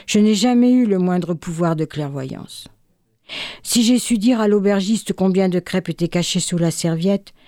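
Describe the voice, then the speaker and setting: A woman's voice: fairly low pitch, mellow, dry recording, studio quality, lightly acted. Humble old vagabond merchant, read by a woman. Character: poor humble vagabond merchant man confessing.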